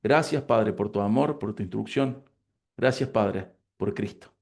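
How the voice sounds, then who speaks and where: A man's voice: lowish voice, vocal fry, darkish tone. A man in his forties from Córdoba with an Argentine accent, a pastor closing a class with prayer and speaking earnestly about his life and studies. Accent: Argentine Spanish (Córdoba). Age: 40s. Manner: earnest, grateful, unhurried. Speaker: pastor and lecturer. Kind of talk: prayer and interview answers.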